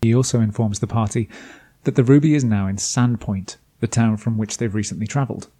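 A man's voice: on the low side, fairly even intonation, a little fast, warm tone. A man reading a scripted recap of a tabletop campaign as game master, with dry, self-deprecating asides. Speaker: game master and podcast host.

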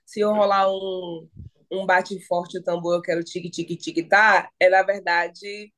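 A woman from Salvador with a Bahian accent, chatting as a podcast guest in a lively, playful way, laughing often. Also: fairly low pitch, unhurried. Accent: Bahian Brazilian Portuguese. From Salvador, Bahia, Brazil. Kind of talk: casual podcast chat.

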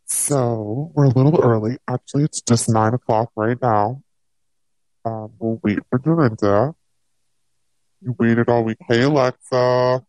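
A host talking through a voice changer that lowers the pitch into a deep robotic tone, chatting casually and upbeat in a live audio interview. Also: steady tone, unhurried, darkish tone, no echo, low-quality recording. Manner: chatty, upbeat, filler-heavy.

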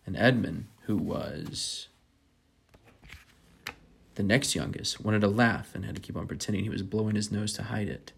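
A man with a lowish, gravelly, husky voice rambles casually and hesitantly, poking fun at himself, and at times reads aloud from a book.

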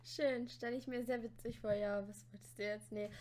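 A young woman chatting casually about conventions in a relaxed, slangy way. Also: a little high, normal speed. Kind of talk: casual chat.

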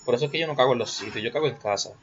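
A man's voice: medium pitch, rapid-fire, a bit bright. Young puerto rican guy rambling solo, crude jokes, bit of english thrown in, kinda muffled audio, faint noise behind. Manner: rambling, crude and joking, slips English words into Spanish. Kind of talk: casual solo monologue.

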